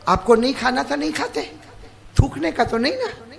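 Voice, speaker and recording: A man's voice: extremely high pitch, sing-song, creaky, a bit bright, voice pushed up, heavily acted. A male preacher voicing a poor, hungry young man who protests and pleads. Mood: upset protest.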